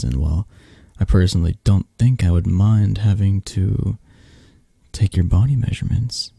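The voice is low-pitched and warm: a man acting an exaggerated mafia boss, possessive but tender, for ASMR romance roleplay. He murmurs intimately and teasingly, slow and halting with a husky edge, and the sound is close and dry with no room sound.

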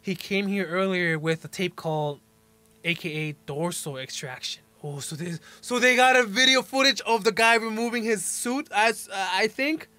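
This reaction video host, a man in his twenties, sits indoors in a small bedroom with headphones and a close desk microphone, reading captions out loud and adding slangy, exclamatory comments. His voice sits high with a sharp tone at a moderate pace.

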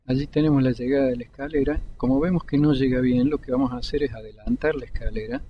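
Over a screen recording, a 3D modeling instructor calmly walks through each step of his tutorial, pausing between clicks. His voice comes through a dull, lo-fi desktop mic with a faint rumble underneath.

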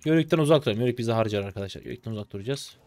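A man in his twenties from Turkey, a streamer commentating his game live in an excitable, chatty way, talking to his viewers and teasing opponents. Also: mid-range voice, racing. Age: 20s. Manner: excitable, chatty, talks to chat, bursts of laughter and teasing.

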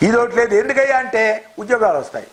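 Male scholar, high voice, lecturing and scolding in strings of rhetorical questions. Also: lively intonation, fast, rough recording. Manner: mocks others' words in quoted voices. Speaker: scholar giving a commentary on society. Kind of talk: impassioned lecture.

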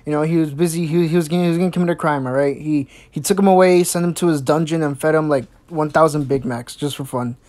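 Talking fast with few pauses, a woman with a mellow voice hosts a reaction commentary full of mockery. She is sarcastic and crude, swears liberally, stumbles into restarts and puts on squeaky voices to mimic others.

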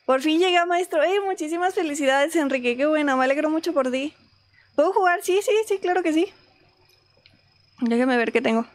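A woman's voice: sits high, a little fast, no echo. A woman with a Mexican accent streaming a game from home, chatting casually and greeting viewers by name. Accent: Mexican Spanish. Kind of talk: casual live-stream chat.

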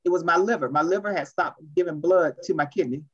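Woman presenter, fast and animated, dull lo-fi video call audio. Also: fairly low pitch, slightly rough. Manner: fast, animated, says she talks too fast. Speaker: workshop presenter. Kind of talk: online workshop, casual talk.

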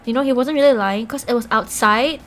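This young female Twitch streamer chats casually with viewers while eating, in a fairly high, fairly bright voice at a brisk clip. She rambles, giggles, and says "like" constantly.

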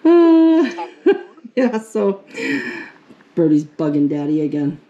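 A woman's voice: lowish voice, big pitch swings, slow, dark tone, muffled recording. A woman hosting a casual home vlog, chatting to the camera in her kitchen and laughing often. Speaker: vlog host, military wife. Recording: noisy home recording.

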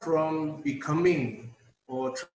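A man leading an online talk, speaking slowly and deliberately, his video call audio breaking up. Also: on the high side, steady tone, roomy sound, far from the mic. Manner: slow, deliberate, repeats key words. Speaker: session leader.

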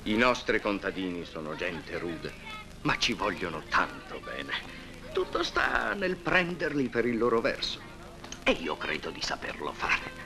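Low, lively genteel Italian professor. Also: male voice, measured pace, full character voice. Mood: courtly, smug. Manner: courtly, condescending. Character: genteel, self-satisfied professor and landowner father. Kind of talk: 1950s Italian film acting. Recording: old film soundtrack with music.

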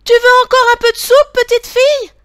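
A woman's voice: extremely high pitch, little pitch movement, brisk, bright, forceful tone, no echo, studio quality, voice pushed up. A woman voicing a tiny baby bear cub in a storybook, with a piercing, wailing voice. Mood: calling out. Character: small crying baby bear cub, shrill.

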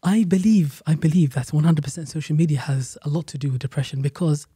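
A man's voice: on the high side, fast, mellow, breathy edge, dry recording, studio quality. A man, an Islamic teacher and podcast guest, earnestly explaining Quran verses and repeating key phrases for emphasis.

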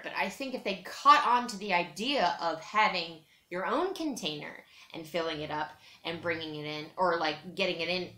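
Bright-voiced young woman chatting in an echoey room. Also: medium pitch, slight background noise. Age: young adult. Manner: conversational, thinking aloud, repetitive. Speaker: vlogger. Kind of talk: casual rambling chat while cutting soap. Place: small carpeted room with bare walls, indoors. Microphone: camera a metre or two away. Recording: echoey room, camera mic at a distance.

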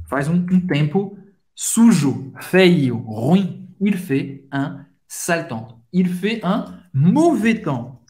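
A man gives a language lesson in an unhurried way, letting each phrase land before he repeats it. His voice sits a little high for a man. He talks like a patient teacher running pronunciation drills. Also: darkish tone. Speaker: French teacher.

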